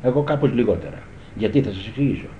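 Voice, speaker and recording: An older man who teaches guitar talks about the old days in a medium-pitched voice, rambling conversationally and often asking whether his listeners understand. The recording is a dull old tape from an echoey room with a little hiss or hum.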